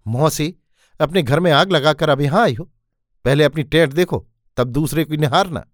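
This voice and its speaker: A hot-headed young husband who talks bluntly and shouts, played by the storyteller. A plain male voice, dry and close to the mic. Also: medium pitch, moderate pace, no echo, natural voice. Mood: angry.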